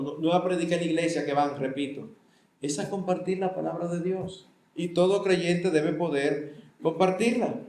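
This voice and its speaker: A man's voice: sits high, a little mellow, echoey room. An older man with a Dominican Spanish accent, a pastor giving a conversational sermon that slips into acted family dialogue. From Dominican Republic. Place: church hall.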